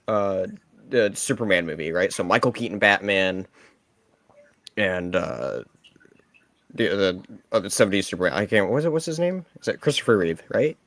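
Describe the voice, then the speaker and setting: A man's voice: lowish voice, lively intonation, normal speed, a bit bright, no echo. A man co-hosting a casual podcast, talking in a rambling way with many fillers. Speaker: podcast co-host. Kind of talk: casual chat.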